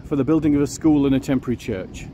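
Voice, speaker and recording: A man's voice: medium pitch, very fast. A man giving a casual walking-tour commentary outdoors, musing aloud with fillers. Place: outdoors on a city street. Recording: outdoor street noise behind.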